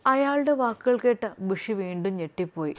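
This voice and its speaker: A woman telling a story in an emotional, expressive way. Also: on the high side, brisk. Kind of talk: storytelling narration.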